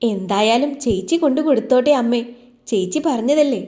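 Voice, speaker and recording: A woman voicing a kind, level-headed young woman who reasons calmly. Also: on the high side, fairly quick, close to an everyday voice.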